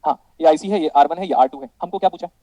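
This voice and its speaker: A man with an Indian accent lectures a class on electronics, switching between Hindi and English. His voice sits high yet sounds dark and mellow, and the sound is dry and close. He quizzes the students, calls them "beta" and jokes with the class. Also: fast, no echo, poor audio. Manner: calls students "beta" and keeps asking if it is clear. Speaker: electronics teacher.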